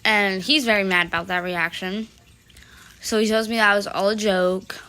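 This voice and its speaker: Bright-voiced young woman rambling through a story. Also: mid-range voice, steady tone, normal speed, a little hiss or hum. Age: young adult. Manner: rambling, valley-girl fillers, quotes others loosely. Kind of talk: casual storytime narration.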